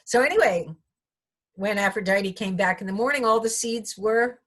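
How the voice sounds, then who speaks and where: A woman storyteller telling an ancient myth aloud, pausing for reflective asides to her listeners. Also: mid-range voice, a bit bright.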